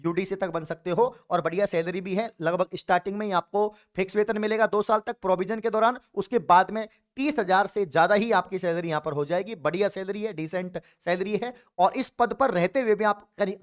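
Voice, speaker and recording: A man's voice: high voice, fairly quick, hardly any pauses. A man from Rajasthan, a coaching teacher giving an exam update online and encouraging his viewers, whom he calls friends and brothers. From Rajasthan, India. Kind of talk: YouTube exam update talk.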